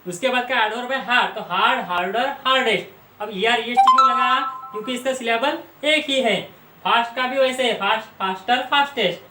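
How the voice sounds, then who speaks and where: An extremely high-pitched man from Maharashtra, India, speaks a little fast in a pushed, bright voice while teaching English grammar. He explains patiently and repeats word lists in this explanatory lesson. The room sounds spacious, with faint background noise.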